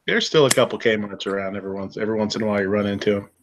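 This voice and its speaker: A man's voice: on the low side, rapid-fire, muffled recording, slight background noise. A man co-hosting a casual livestream chat, laughing easily and rambling as he reads out comments. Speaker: livestream co-host reading chat.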